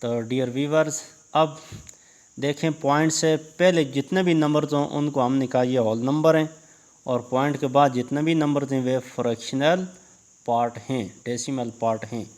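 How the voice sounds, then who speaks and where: A man teaches a basic maths lesson at a steady, patient pace. He walks through each step carefully and keeps turning back to his viewers. His voice sits at a middle pitch. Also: normal speed.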